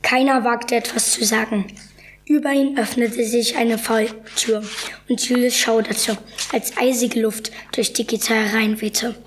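High-voiced schoolgirl reading a story. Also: level tone, measured pace, a little hiss or hum. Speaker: pupil reading aloud.

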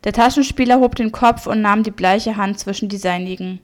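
A woman narrating a novel as an audiobook in a measured, steady way. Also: mid-range voice.

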